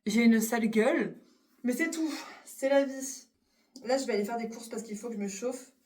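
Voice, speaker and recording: A woman's voice: on the high side, normal speed, darkish tone, echoey room, recorded from a distance. A 21-year-old woman chatting casually in a vlog, rambling with lots of fillers and slipping English words into her talk. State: tearful after crying. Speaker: vlogger.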